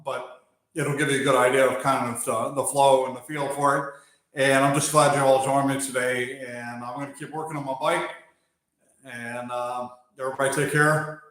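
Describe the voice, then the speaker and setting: A fairly bright, mid-pitched male voice with an American accent belongs to a wildlife channel host from Germany, streaming live while he works on a bike outdoors or in an open area. The sound bounces around a strongly echoing space. Unhurried, he pauses often, says "uh" to fill gaps, and replies to viewers' chat between thoughts.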